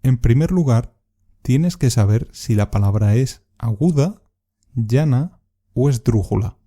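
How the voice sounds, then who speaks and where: Slow, dark-voiced man teaching Spanish. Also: medium pitch. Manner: measured, exaggerates word stress in examples. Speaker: Spanish teacher and podcast host. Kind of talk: slow scripted podcast lesson.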